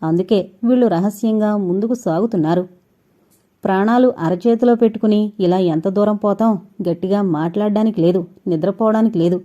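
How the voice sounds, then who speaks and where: Woman, audio novel narrator, steady suspenseful reading, mellow dark voice, dull lo-fi sound. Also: medium pitch, fairly quick. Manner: steady storytelling, building suspense. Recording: dull lo-fi recording.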